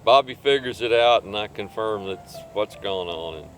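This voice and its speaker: An older man, a cave diver, telling a rescue story in an interview with a relaxed, rambling manner and chuckles between points. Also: on the low side, moderate pace, a little hiss or hum.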